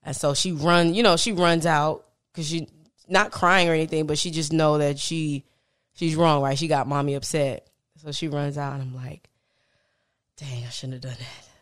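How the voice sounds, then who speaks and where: Low-voiced woman, laid-back interview chat. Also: normal speed, clean tone. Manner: laughs often, relaxed and conversational. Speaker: guest, business founder.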